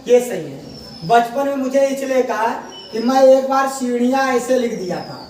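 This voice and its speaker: A man teaching a spelling lesson, slowly drawing out each word and asking his students to repeat it. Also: very high-pitched, lively intonation, darkish tone. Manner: slow, drawn-out repetition of words, often asks students back. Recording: echoey room from far off, faint noise.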